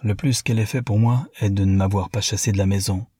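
A man reading the part of an elderly woman servant, pleading and deferential in manner, husky and dry. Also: lowish voice, steady tone, fast talker, warm tone, no echo. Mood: anxious pleading.

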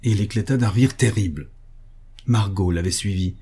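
A man reading a story aloud as an audiobook, grave and measured. His voice is low and dark, with a husky, breathy grain. He keeps an even, serious delivery. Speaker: narrator. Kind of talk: audiobook narration.

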